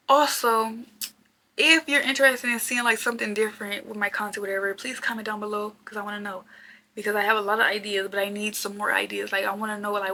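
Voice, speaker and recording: A woman's voice: mid-range voice, gravelly, pushed and bright, a little hiss or hum, rough recording. A woman in her mid-twenties rambling casually to camera in a rant, repeating herself and filling with "like" a lot. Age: 20s. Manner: chatty, repetitive, lots of "like" fillers. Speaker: vlogger.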